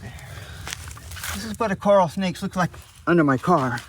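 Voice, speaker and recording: A man with a fairly high voice hosts an outdoor wildlife vlog. He talks in a colloquial, admiring and exclamatory manner, with clear outdoor noise behind him. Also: lively intonation, normal speed, a bit bright. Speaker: wildlife video host. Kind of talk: outdoor vlog narration, talking to camera and animals. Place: outdoors by a rural road.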